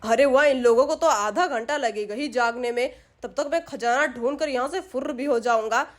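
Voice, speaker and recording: A woman's voice: sits high, moderate pace, voice pushed down, lightly acted. A woman voicing a greedy male village thief who mutters his plans to himself and gloats.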